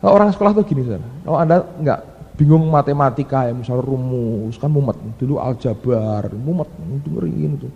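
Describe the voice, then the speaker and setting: A male pastor delivers a sermon in an animated way, breaking into sudden exclaimed cries. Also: medium pitch, brisk, gravelly, long reverb tail, highs cut off.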